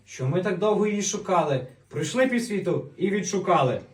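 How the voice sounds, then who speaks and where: Joyful Magi king played by a male, high lively recitation for a nativity play, roomy recording. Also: fairly quick. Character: joyful, devout Magi king bearing incense. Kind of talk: Christmas nativity folk play. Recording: echoey room.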